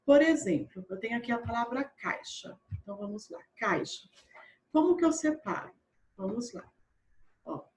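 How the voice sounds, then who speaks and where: A patient woman teacher walks young pupils through a grammar lesson. Her voice sits a little on the high side, and she repeats words slowly and keeps checking that the children follow. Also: animated, darkish tone. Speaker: primary school teacher. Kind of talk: recorded online grammar lesson.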